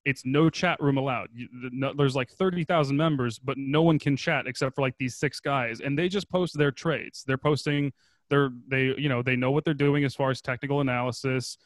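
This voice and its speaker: A man's voice: mid-range voice, steady tone, a little fast, dry recording. A man who is a former producer and now a day trader, chatting casually and rambling as a podcast guest, swearing freely.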